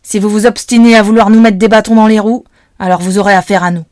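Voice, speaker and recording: A woman's voice: mid-range voice, steady tone, quick pace, a little mellow, no echo, studio quality, close to an everyday voice. A woman doing a menacing male kidnapper. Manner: menacing, domineering. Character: gruff threatening adult male kidnapper.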